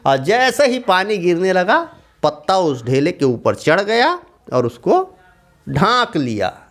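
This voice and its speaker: A man telling a children's story in a strikingly high voice. He speaks slowly, with lively swings in pitch, and keeps asking his young listeners questions.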